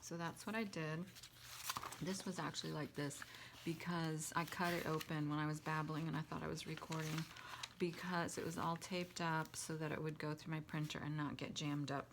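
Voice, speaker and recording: Low-voiced chatty woman crafter. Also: little pitch movement, normal speed, background noise. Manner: chatty, rambling, with fillers and restarts. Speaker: crafting channel host. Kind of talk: casual crafting tutorial.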